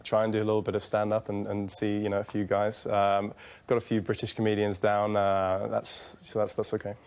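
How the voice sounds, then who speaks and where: A young man chatting as an impressionist guest in an interview, quick and halting, with lots of fillers. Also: on the low side, completely flat delivery, a little mellow. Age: young adult. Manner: quick, hesitant, slips into mimicry. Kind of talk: casual interview chat.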